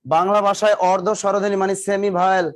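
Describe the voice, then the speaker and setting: A man's voice: sits high, little pitch movement, quick pace. A male teacher giving a live classroom lecture, drilling students with repeated questions and teasing or scolding them. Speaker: exam coaching teacher.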